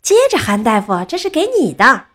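A woman voicing a goofy, cheerful male tow truck from a storybook, excited and shouting. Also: high-pitched, moderate pace, breathy edge, pitched above the performer's own voice, heavily acted.

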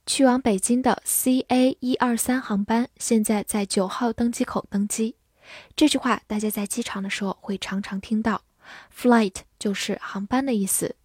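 A woman teaching English vocabulary in a scripted lesson. She spells words letter by letter and reads example sentences slowly. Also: mid-range voice, steady tone, darkish tone, breathy edge, no room sound, clean studio sound.

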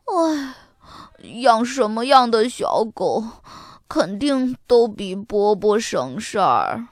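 A woman reading a storybook, voicing an eager young boy who bursts out in loud, excited exclamations. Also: a little high, slow, no echo, studio quality. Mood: weary.

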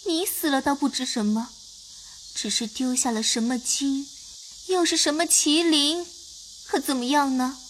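A woman's voice: high voice, a little slow, slight background noise. A woman playing a frail, touchy young noblewoman. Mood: wry, wounded. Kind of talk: audio drama acting.

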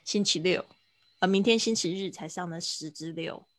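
A woman gives an online English lesson, patiently coaching a student's pronunciation over a video call. Her voice is on the low side and moderately paced. It's captured dry by a computer mic, with no room sound.

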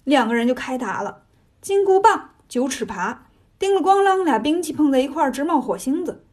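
A woman storyteller narrating a lively children's tale in a playful, chatty way. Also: sits high, a little fast.

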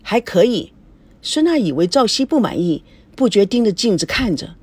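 A woman's voice: mid-range voice, sing-song, a little fast, a little mellow, husky, no echo. A woman narrating a novel as an audiobook, reading every part herself. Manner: plain storytelling, reads every part herself.

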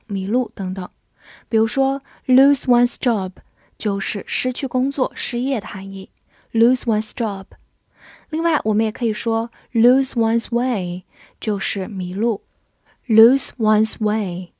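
Slow, careful woman teaching English words. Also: on the high side, darkish tone, no echo, clean studio sound. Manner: spells words letter by letter and reads example sentences slowly. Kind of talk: vocabulary lesson.

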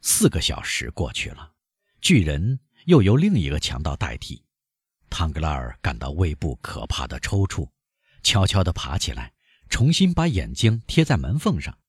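A man narrating a novel as an audiobook, with an expressive storytelling delivery. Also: low voice, breathy edge, no room sound, clean studio sound.

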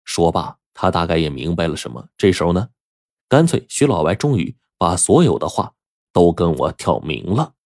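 A man narrating a first-person story for an audiobook in a colloquial, animated way. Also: low voice, normal speed, no echo, studio quality.

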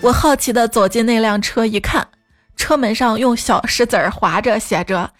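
A woman's voice: a little high, normal speed. Playful woman telling jokes over music. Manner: playful, laughs often, acts out quoted voices. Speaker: podcast host. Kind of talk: comedic joke storytelling.

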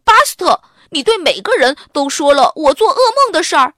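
A woman voicing a worried young schoolboy who pleads and bursts into loud complaints. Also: on the high side, normal speed, slightly rough, no room sound, clean studio sound. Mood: angry. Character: anxious, easily flustered young schoolboy.

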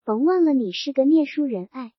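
A woman's voice: sits high, expressive, a little fast, no echo. A woman voicing a domineering, toothless old grandmother who talks in a coarse, blunt, scolding way. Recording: dull lo-fi recording.

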